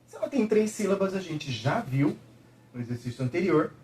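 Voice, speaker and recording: A man teaching a video lesson, patiently checking in with the viewer and slowly sounding out each syllable. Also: a little high, animated, a little mellow, a little hiss or hum.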